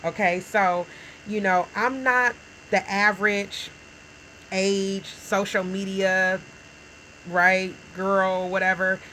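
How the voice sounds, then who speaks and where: A woman's voice: medium pitch, little pitch movement, slow, pushed and bright, slight background noise, low-quality recording. A woman in her forties talking casually to camera as a small business owner, frank and encouraging, often checking in with "okay?" and "right?". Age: 40s. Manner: frank and encouraging, talks straight to the viewer.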